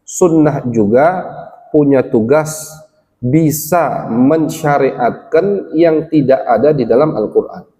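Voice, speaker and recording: Male religious teacher, study lecture, Arabic quotes explained, mellow voice, echoing hall. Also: mid-range voice. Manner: explains slowly, quotes Arabic text then translates. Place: village gathering hall. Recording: long hall reverb.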